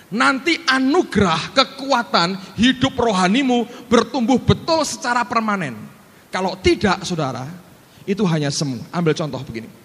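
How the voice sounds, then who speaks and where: Animated preacher man, bright and husky. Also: extremely high pitch, big-room sound. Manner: animated preaching, acts out quoted voices. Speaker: pastor. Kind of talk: sermon.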